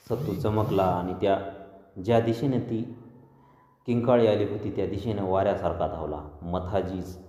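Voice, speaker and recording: A man narrating a novel in a steady, dramatic storytelling manner. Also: lowish voice. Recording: echoey dull lo-fi reverb.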